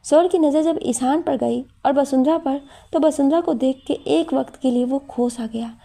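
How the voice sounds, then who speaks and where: A woman narrating an emotional audio story in a steady, scripted storytelling style. Her voice sits slightly high and sounds mellow and soft. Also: moderate pace, vocal fry.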